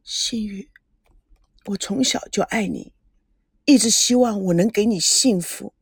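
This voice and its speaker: A woman reading a story aloud, voicing a heartbroken, earnest young groom who is leaving for the army. Her voice is husky and breathy. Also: medium pitch, unhurried, no echo, studio quality. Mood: anguished.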